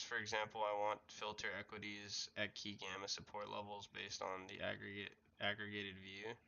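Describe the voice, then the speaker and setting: A man trading on a livestream, chatting casually and mumbling low, with his old mic cutting in and out. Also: pushed and bright, clean tone, muffled recording. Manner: mumbling, talks low and trails off. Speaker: trader streaming his screen. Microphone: old desk mic that cuts out.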